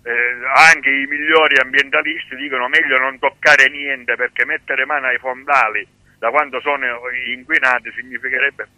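A man, a guest activist speaking over the phone on a radio show, explaining his points with frequent pauses and restarts. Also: mid-range voice, fairly even intonation, pushed and bright, no room sound. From Sicily. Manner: hesitant, many fillers and restarts, explanatory. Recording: tinny phone line.

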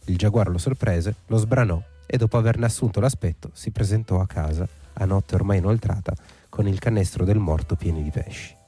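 Dark-voiced male storyteller, faint music. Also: lowish voice, brisk, slightly rough. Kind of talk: folk tale reading. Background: faint instrumental music.

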